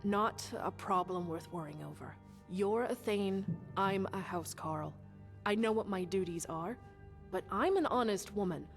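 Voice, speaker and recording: A woman's voice: medium pitch, measured pace, soft background music, close to an everyday voice. A woman playing a blunt young female bodyguard in modded video game dialogue, frank and bitter. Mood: resentful.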